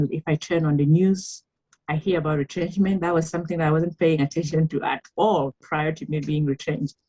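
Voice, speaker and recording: Low-voiced Cameroonian-born woman storyteller. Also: a little mellow, lo-fi sound. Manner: reflective storytelling with frequent laughs and fillers. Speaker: guest author. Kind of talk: podcast interview.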